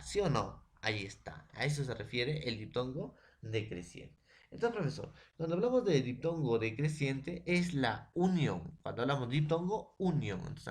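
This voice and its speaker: Peruvian man teaching a school grammar lesson. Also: medium pitch. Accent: Peruvian Spanish. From Peru. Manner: keeps addressing a "profesor" and "jóvenes", spells out syllables, many tag questions. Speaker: secondary school language teacher. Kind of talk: recorded classroom lesson.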